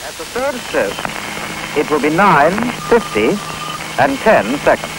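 Spliced-together speaking clock man, slow. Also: a little high, huge pitch swings, a bit bright, a little hiss or hum, rough recording. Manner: slow, evenly spaced, formal delivery. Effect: spliced-together recorded words played back by a speaking clock machine. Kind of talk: measured time announcement.

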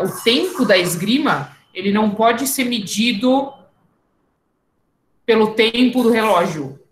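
A woman's voice: medium pitch, fairly bright tone. A woman fencing coach with a Brazilian Portuguese accent, patiently explaining technique and calling out drill commands in an online class. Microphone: camera mic, moving away at times. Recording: echoey room.

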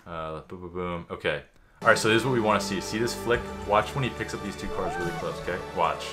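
A man giving a mock magic tutorial commentary in an offhand, boastful, know-it-all way. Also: low voice. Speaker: YouTuber.

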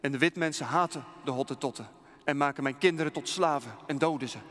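A man voicing a proud, distrustful king who speaks loudly and accusingly, heard with a long hall reverb. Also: on the high side, fast talker, close to an everyday voice. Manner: loud, accusing.

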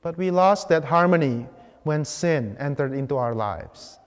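Standing at the lectern as a priest, a man gives an expressive homily in a fairly high voice. His preaching comes in deliberate, measured phrases with pauses, echoed by the long reverb of a large church sanctuary.

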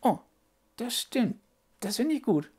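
A woman's voice: takes it slowly, slightly rough, heavily acted. A woman voicing a curious, chatty young worm puppet who keeps asking naive questions in a children's puppet show. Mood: excited. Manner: asks endless naive questions, squeaky and excitable.

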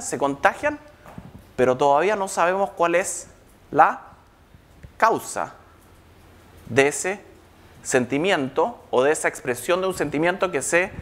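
A man lectures to a live audience. He keeps checking in with the room, asking rhetorical questions and pausing for replies. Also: high-pitched, a bit bright.

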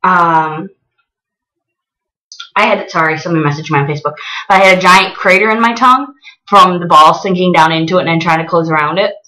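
A woman's voice: lowish voice, fairly quick, pauses often, sharp tone. A woman in her twenties chatting casually and exclaiming to viewers as she narrates a task, her speech slightly impeded by a tongue piercing. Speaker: vlogger. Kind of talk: casual vlog chat, talking to viewers while doing a task. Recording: echoey small hard-walled room.

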